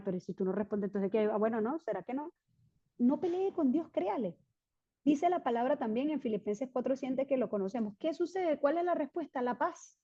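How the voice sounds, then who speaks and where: A woman preaching a sermon, lively and storytelling, acting out the voices of people she quotes. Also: high-pitched, lo-fi sound.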